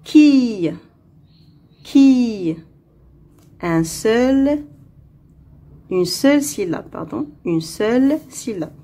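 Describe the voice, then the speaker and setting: A woman teaching a French phonics lesson, with an Arabic-speaking accent, saying each word slowly twice and counting its syllables. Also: fairly high pitch, expressive, mellow.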